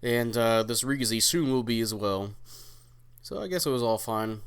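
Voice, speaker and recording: A young man with a smooth, clean voice and a middle pitch talks through his own gameplay. He rambles in a relaxed way, with plenty of fillers and casual swearing, like a channel host chatting to regular viewers. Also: normal speed.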